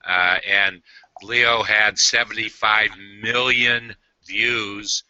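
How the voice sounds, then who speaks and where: A man hosting a casual video call interview, halting with many "uh" fillers and restarts. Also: fairly low pitch, fairly even intonation, bright, forceful tone, smooth, no echo, dull audio. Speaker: host.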